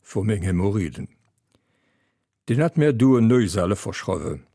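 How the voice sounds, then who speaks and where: Slow, dry-humored storyteller man. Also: on the low side, very animated, warm tone, dry recording. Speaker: comedic storyteller. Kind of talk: humorous dialect monologue.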